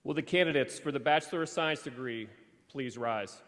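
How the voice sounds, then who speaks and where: A man giving a measured, formal commencement address at a podium microphone in a large theater, presenting the graduates. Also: medium pitch, fairly bright tone. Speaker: college official presenting the graduates. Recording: long reverb of a large theater.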